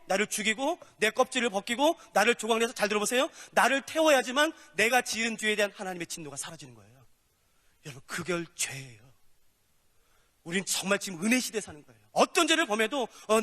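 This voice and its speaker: A male pastor preaching a lively sermon, acting out little dialogues as he teaches. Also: high-pitched. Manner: animated, acts out dialogues with God and people. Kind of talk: sermon lecture. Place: church hall. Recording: long hall reverb.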